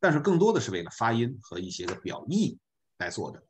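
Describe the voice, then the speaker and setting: A man leads an online beginner class as a volunteer teacher. He explains patiently, leaning on small filler particles as he goes. His pitch swings widely, high and low, through each sentence. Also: very animated, fast talker, darkish tone, a little hiss or hum.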